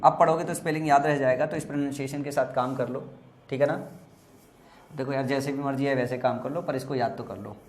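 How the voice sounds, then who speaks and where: The room is echoey, and the man's mid-range voice carries fairly even intonation. A native Hindi speaker, he works through exam vocabulary slowly, repeating words and spelling each one letter by letter.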